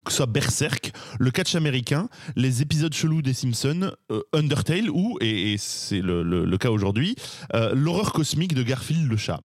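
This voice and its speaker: A man's voice: mid-range voice, animated, normal speed, no echo, studio quality. A man, a podcast regular, chatting casually and hesitantly about a favorite video. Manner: hesitant, full of "euh" and restarts, amused. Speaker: podcast host. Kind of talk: casual chat.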